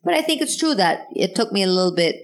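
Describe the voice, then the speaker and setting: A woman's voice: medium pitch, sing-song, fast talker. A woman, an actor and comedian, chatting casually as a podcast guest, laughing easily and trailing off with ums and restarts. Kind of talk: casual chat. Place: indoor podcast studio.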